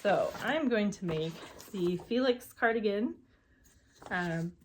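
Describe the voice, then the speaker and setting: A woman's voice: mid-range voice, animated, slow, a little hiss or hum. A woman hosting her knitting podcast at home, chatting casually and rambling with lots of fillers and asides. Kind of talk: casual chat.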